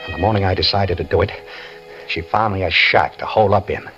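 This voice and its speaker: On what sounds like a dull, aged radio broadcast, an actor plays a scheming, wary escaped prisoner in handcuffs, telling his story in tense, wry first person in the manner of 1940s radio drama. He speaks fast in a low voice close to everyday speech, with music in the background.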